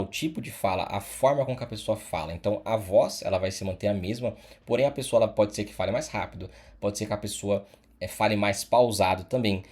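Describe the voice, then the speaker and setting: Brief: male tutor, lowish voice, relaxed explainer with tag questions. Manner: casual, explanatory, frequent "tá?" and "né?" tags. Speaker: online course instructor. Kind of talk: screen-recorded tutorial.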